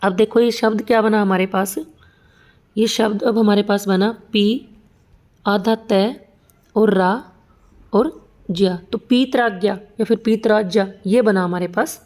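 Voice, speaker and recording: A woman's voice: medium pitch, steady tone, unhurried, pauses often, darkish tone. A young woman teaching Hindi grammar for exam prep, explaining each example step by step and often checking that students follow. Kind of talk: exam-prep lesson at a whiteboard.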